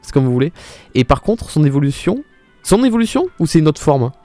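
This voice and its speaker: A young male streamer with a mellow, dark-toned voice, chatting casually and exclaiming as he answers his viewers. Faint music plays behind him. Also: on the high side, very animated, brisk, no room sound. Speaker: live streamer. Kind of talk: casual live-stream commentary.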